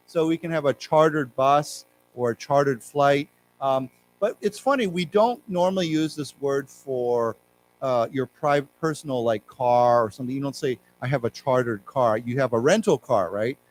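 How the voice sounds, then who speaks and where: A man teaching an English class, who reads news passages aloud slowly, then explains the words and spells them out letter by letter. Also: medium pitch, a little hiss or hum, rough recording. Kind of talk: classroom lecture on news vocabulary. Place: library lecture room.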